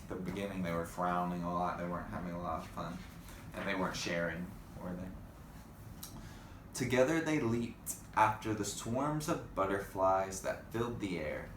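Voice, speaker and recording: In an echoey room with faint background noise, a low-voiced man reads a storybook aloud to children at a moderate pace. He reads expressively and breaks off for chatty asides to his young listeners.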